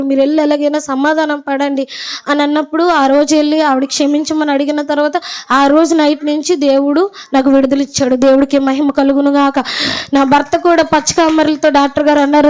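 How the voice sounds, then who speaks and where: Young woman, high voice, heartfelt church testimony. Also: darkish tone. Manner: emotional, earnest storytelling. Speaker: church member giving a testimony. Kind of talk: personal testimony at a church gathering.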